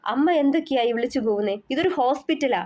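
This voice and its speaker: A woman's voice: sits high, lively intonation, quick pace, dark tone. Woman reading as an insistent angry young man. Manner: insistent, restrained anger. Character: worried young man demanding answers from his father.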